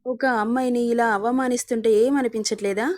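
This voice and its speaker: A woman's voice: fairly high pitch, steady tone, a little fast, darkish tone, natural voice. A woman reading a storybook, voicing a frightened but defiant young wife who speaks in a pleading, indignant way.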